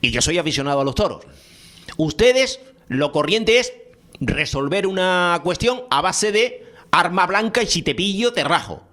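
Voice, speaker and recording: A man's voice: high-pitched, big pitch swings, normal speed, fairly bright tone. A man hosting a heated studio discussion, impassioned and emphatic, repeating phrases for effect.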